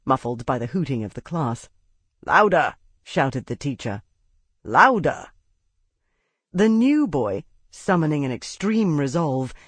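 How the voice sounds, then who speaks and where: A woman audiobook narrator reading a classic novel in a measured, expressive storytelling manner on a close studio mic. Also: deep voice, no room sound. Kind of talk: scripted literary narration.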